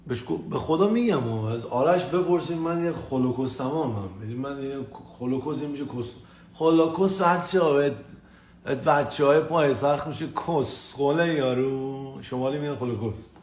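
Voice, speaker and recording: A man from Tehran telling crude personal stories in a rambling, profane, animated way. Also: medium pitch. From Tehran, Iran. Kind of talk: casual storytelling monologue. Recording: echoey room with faint ambient noise.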